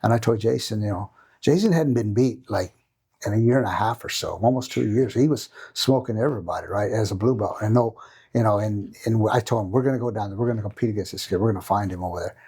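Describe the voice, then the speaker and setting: Mellow-voiced middle-aged coach. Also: male voice, lowish voice, fast, breathy edge. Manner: rambling anecdote with many tag questions. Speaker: jiu-jitsu coach and father. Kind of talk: storytelling in a podcast interview.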